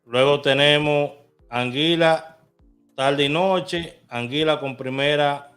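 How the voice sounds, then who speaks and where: A man's voice: fairly high pitch, slow, fairly bright tone, faint music behind. A man in a casual vlog, chatting to viewers as he walks through placing lottery bets on his phone, from inside a car. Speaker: vlogger. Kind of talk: casual screen walkthrough.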